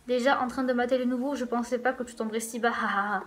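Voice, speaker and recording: Woman reading a mean high school girl, mocking and snide. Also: steady tone, quick pace, a little hiss or hum, natural voice. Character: snide teenage schoolgirl rival.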